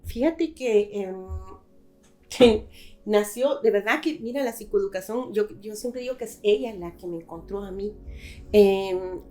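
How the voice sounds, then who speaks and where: A woman's voice: medium pitch, measured pace, a little mellow, faint music behind. A middle-aged woman from Guatemala, a guest in a conversational interview, speaking thoughtfully with frequent hesitations.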